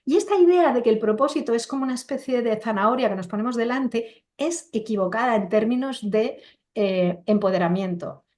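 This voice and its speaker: A woman's voice: fairly high pitch, expressive, a little fast, darkish tone. A middle-aged woman, speaking as a coach and interview guest over a computer video call, emphatic and full of rhetorical questions. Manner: acts out quoted voices while explaining. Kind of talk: casual conversational interview.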